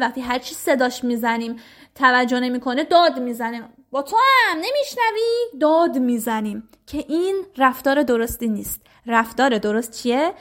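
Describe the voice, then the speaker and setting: High-pitched lady teaching parents, chatty and direct, acts out what to tell the kid. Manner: lively and direct, acts out short lines to the child. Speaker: parenting educator. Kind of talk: parenting advice talk.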